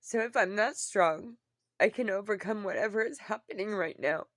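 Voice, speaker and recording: A woman who sounds upset and tearful, as after crying, talking earnestly and haltingly in a personal confession to viewers, often repeating herself. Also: mid-range voice, a bit bright, no echo, clean studio sound. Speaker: vlogger.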